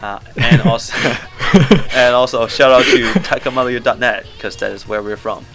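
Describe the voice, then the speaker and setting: A man's voice: mid-range voice, normal speed, over music. A young man from Canada co-hosting a podcast, joking in upbeat, rambling casual chat from a small home studio. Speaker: podcast co-host.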